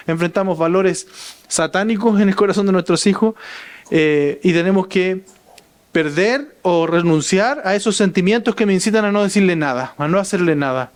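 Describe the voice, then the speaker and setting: Man, Chilean Spanish accent, pastor preaching, high-pitched, keeps checking in with "right?". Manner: addresses listeners as brother, asks "right?". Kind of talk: sermon.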